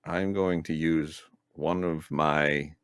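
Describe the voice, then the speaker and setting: A man's voice: very deep voice, steady tone, takes it slowly, fairly bright tone, smooth, no room sound, studio quality. A man playing in a tabletop game, loose and playful, often chuckling. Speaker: player.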